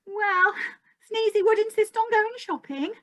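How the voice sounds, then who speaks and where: Mopey young pantomime princess, acted by a woman, very high, plaintive, disillusioned. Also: a little slow. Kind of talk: comic pantomime acting.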